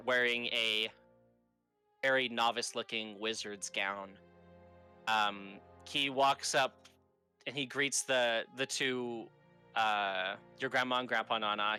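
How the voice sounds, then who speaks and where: A man running a tabletop game in loose, rambling narration full of fillers and the odd curse. His voice is bright and crisp. Faint music plays behind him. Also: medium pitch. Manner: casual, rambling, swears freely. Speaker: game master.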